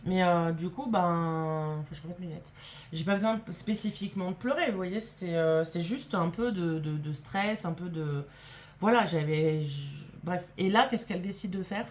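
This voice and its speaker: Speaking at normal speed in a fairly low voice, a woman vlogger recounts a story to camera in a casual way. Indignant and emphatic, she curses liberally and performs the voices of the people she's quoting.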